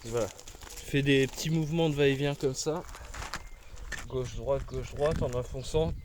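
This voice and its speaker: Laid-back man walking viewers through a car repair, informal, average pitch, faint outdoor noise. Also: moderate pace, darkish tone. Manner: informal, slangy, addresses viewer as "tu". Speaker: car mechanic tutorial host. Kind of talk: casual how-to explanation.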